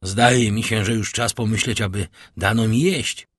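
A man's voice: fairly low pitch, steady tone, moderate pace, slightly rough, dry recording, clean studio sound. A man voicing a proud, hungry male banker held captive, who talks in a wheedling yet haughty way.

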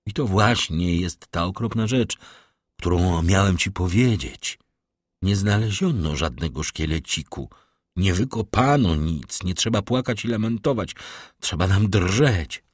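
A man voicing a grave, tormented middle-aged prosecutor in an audiobook, speaking slowly and measuredly. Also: low-pitched, lively intonation, no room sound, clean studio sound. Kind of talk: audiobook character reading.

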